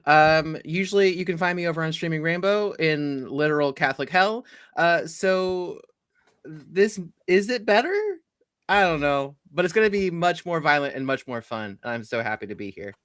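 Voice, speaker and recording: Bubbly, joking higher-voiced man. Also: lively intonation, moderate pace, fairly bright tone, clear, resonant tone, no room sound, clean studio sound. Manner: bubbly, joking, self-deprecating. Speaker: tabletop player. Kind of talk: casual chat on a game stream.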